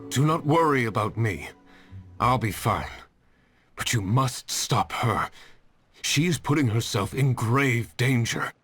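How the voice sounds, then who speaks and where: An actor playing a weary, earnest hunter who speaks formally, with game music behind. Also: male voice, medium pitch, expressive, slow pace, fairly bright tone.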